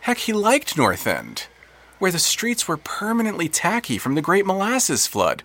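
A man narrates scripted literary fiction for an audio fiction podcast, telling the story in a dramatic, wry manner. His voice is high and a bit bright, with huge pitch swings and an unhurried pace.

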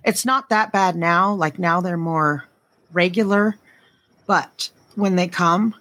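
A woman's voice: on the low side, takes it slowly, a bit bright, no room sound. Woman, fifties, casual chat, frank, jokey, laughs a lot, dry recording. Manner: candid, jokey, laughs often.

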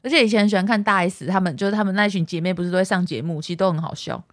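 A woman with a Taiwanese Mandarin accent chatting casually as a podcast host, telling stories in an animated way and acting out quotes. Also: mid-range voice, rapid-fire, no echo, clean studio sound. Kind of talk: casual chat.

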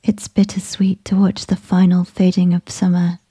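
A woman whispering a slow, soothing guided meditation with gentle instructions. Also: on the low side, completely flat delivery, slightly rough.

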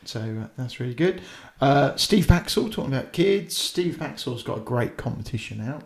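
A man's voice: medium pitch, lively intonation, moderate pace, gravelly. A man with a Norfolk accent co-hosting a diving podcast, rambling casually with plenty of ums and uhs. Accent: Norfolk English. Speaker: podcast co-host. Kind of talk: casual chat.

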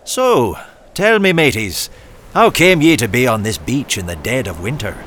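An actor playing a sly, hearty one-legged sea cook in an audio drama, with a theatrical seadog drawl. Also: male voice, medium pitch, sing-song, normal speed, fairly bright tone, slight background noise. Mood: jovial, sly. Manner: theatrical old-seadog drawl with swooping emphasis.

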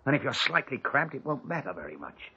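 An actor playing a cold, gloating male strangler in a 1940s radio drama, sneering and taunting slowly. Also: medium pitch, sing-song, husky. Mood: menacing. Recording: dull old radio broadcast.

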